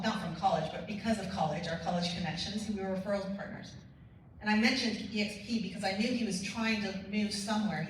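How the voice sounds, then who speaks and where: Woman, keynote speaker, lively storyteller; distant mic, very echoey hall. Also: mid-range voice, slight background noise. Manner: energetic storytelling with quoted dialogue. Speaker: motivational speaker. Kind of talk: conference keynote speech. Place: large conference hall.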